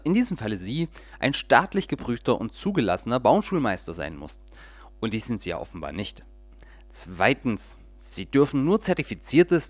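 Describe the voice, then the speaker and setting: A man's voice: mid-range voice, dry recording, lightly acted. A stiff, pedantic clerk from a trade office talks in formal officialese in a storybook tale, as a man reads him aloud. The recording is dry and close.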